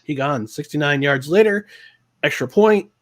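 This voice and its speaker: A man's voice: on the high side, expressive, normal speed. A man co-hosting a casual football reaction show, recapping plays with mock exasperation. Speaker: podcast co-host. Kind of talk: casual sports chat.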